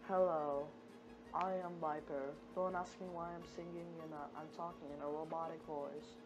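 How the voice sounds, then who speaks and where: A woman voicing a female game agent in a flat, robotic monotone, in a silly role-play skit. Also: low voice, moderate pace, dull audio, over music, pitched below the performer's own voice. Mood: deadpan. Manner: flat, mechanical delivery.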